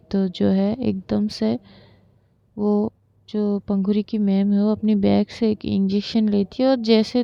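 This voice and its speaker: Slow, gravelly woman telling a story. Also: medium pitch, warm tone, dry recording, muffled recording. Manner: dramatic, halting storytelling. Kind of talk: emotional story narration.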